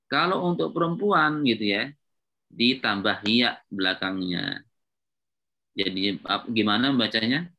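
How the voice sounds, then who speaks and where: Man, Arabic grammar lesson, lowish pitch, bright tone, patient and repetitive. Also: animated, a little slow, long pauses. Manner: patient, repetitive, checks with students often. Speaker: Islamic teacher of Arabic grammar. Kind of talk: classroom lecture at a whiteboard.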